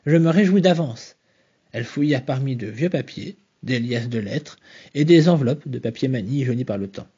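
A man reading a novel aloud in a soft, measured way, home-recorded. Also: medium pitch, slightly rough, dull audio. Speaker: reader.

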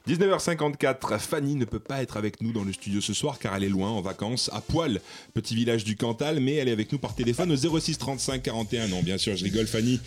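A man's voice: mid-range voice, expressive. A man hosting a radio show, joking with his columnist between segments. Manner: joking, brisk presenter. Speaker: radio host.

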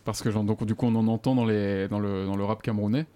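A man's voice: fairly low pitch, steady tone, fast, mellow. A man co-hosting a radio interview, asking hesitant, rambling questions. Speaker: radio co-host.

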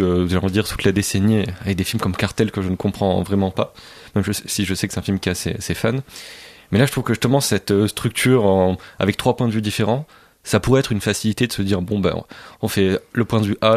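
A man with a lowish voice talks quickly through his view of a film, laying out his points in a steady, explanatory way. The recording is close and dry. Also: no echo. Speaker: film critic. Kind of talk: casual film discussion.

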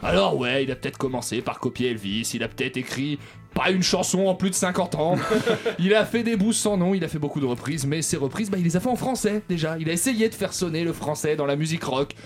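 A man delivering a sarcastic comic column on a radio panel show, mocking and quick. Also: on the high side, animated, soft background music.

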